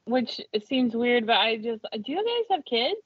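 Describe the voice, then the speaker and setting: A woman's voice: fairly high pitch, very animated, moderate pace, slightly rough, dull audio. A woman co-hosting a podcast interview, casual and a bit hesitant. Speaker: podcast co-host.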